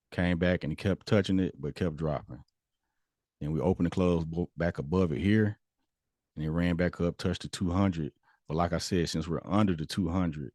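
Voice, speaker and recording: A man with a very low voice runs a casual trading lesson, explaining chart moves in a loose, conversational way. The recording is dry and close, with no room sound. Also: dark tone, no echo. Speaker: trading instructor.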